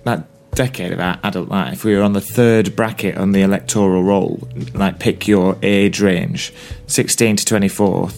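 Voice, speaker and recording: A man's voice: low voice, fairly even intonation, moderate pace, creaky, few pauses, darkish tone, faint music behind. A man, chatting casually as a podcast co-host and thinking aloud as he talks. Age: 20s. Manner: rambling, thinking aloud with restarts. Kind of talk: casual chat.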